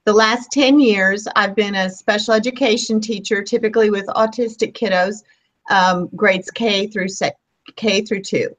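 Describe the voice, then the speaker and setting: A woman in her fifties presenting a literature review for a class project, a little halting, with some restarts. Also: mid-range voice, steady tone, low-quality recording. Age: 50s. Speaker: student presenter.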